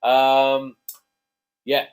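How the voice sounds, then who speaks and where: A man's voice: mid-range voice, monotone, very slow. A man co-hosting a casual chat, jokey and chatty, prompting his co-host to speak. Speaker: co-host, father.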